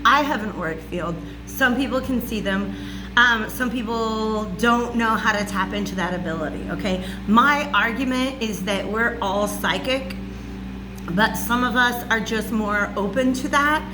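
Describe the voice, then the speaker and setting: Speaking a little slowly in a fairly high pitch, this loud, raspy-voiced woman hosts a spiritual channel and teaches casually from home. Her chatty lesson is peppered with "okay?" and "all right?", while a fan runs in the warm room and a clear hum sits on the home recording.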